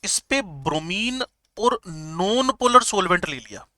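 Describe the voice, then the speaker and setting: Male chemistry teacher, joking lecture style, repeats terms slowly, high bright voice, dry sound. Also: big pitch swings, no room sound. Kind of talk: classroom lecture.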